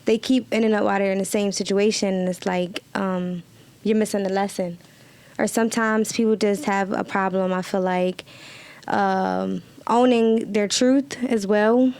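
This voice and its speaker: A woman's voice: mid-range voice, steady tone, moderate pace, a little mellow, clean tone, no room sound. Young woman, thoughtful podcast guest. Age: 20s. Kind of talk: casual podcast chat.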